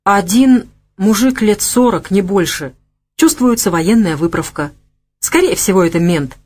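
A woman's voice: medium pitch, animated, unhurried, darkish tone, soft background music. A woman reading as a jittery young gang scout. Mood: hushed.

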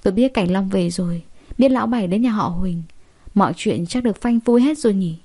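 Mellow-voiced woman narrating a story. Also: mid-range voice, brisk, slightly rough. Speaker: audiobook narrator. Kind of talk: first-person story narration.

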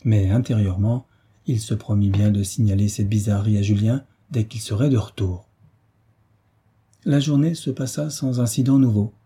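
A male audiobook narrator with a low voice. His tone is dark and muffled, and very husky and breathy. He reads a novel in a measured, steady way. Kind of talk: scripted narration.

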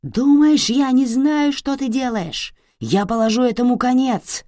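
A woman's voice: mid-range voice, big pitch swings, a little slow, mellow, no echo, voice pushed up. A violent, furious father bellows his threats in this storybook reading, voiced by a woman. The voice lurches wildly up and down as he rages. It is recorded dry and close, with no room sound. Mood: furious shouting. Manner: roaring, threatening. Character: violent enraged middle-aged father.

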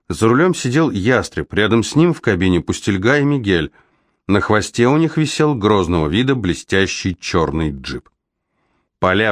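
A man reading a novel aloud as an audiobook narrator, in a steady, even storytelling manner. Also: on the low side, no echo, studio quality. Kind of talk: scripted narration.

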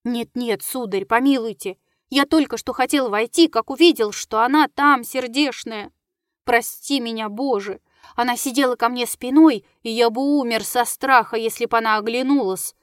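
A woman's voice: a little high, normal speed, no room sound, studio quality, close to an everyday voice. A woman reading the lines of a frightened, humble manservant in an audiobook. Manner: pleading, deferential. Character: frightened old-fashioned male servant, humble.

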